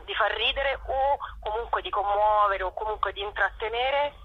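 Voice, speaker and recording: On a dull, phone-like radio call, a woman who is a performer and show organiser gives a spontaneous interview, often searching for words. Her medium-pitched voice moves at normal speed with a breathy edge.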